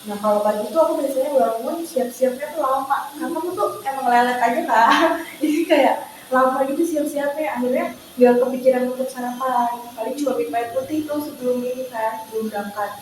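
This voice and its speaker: A woman's voice: high voice, brisk, darkish tone. A young woman, a university student, answering interview questions casually with some hesitation. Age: young adult. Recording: echoey room, far from mic, faint noise.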